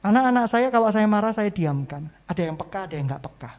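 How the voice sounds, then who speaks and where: Male pastor, middle-aged, emphatic sermon delivery, swings from loud to hushed, drops English phrases. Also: sits high, expressive, fast talker. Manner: emphatic preaching with sharp swings in loudness; mixes English phrases into Indonesian.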